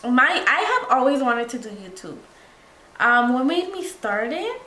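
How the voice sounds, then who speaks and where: A woman's voice: a little high, sing-song, a little slow, bright, forceful tone. A young woman YouTube vlogger, tipsy and rambling in a casual Q&A chat, blunt and sweary. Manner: tipsy, loose rambling talk. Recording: echoey room with faint noise.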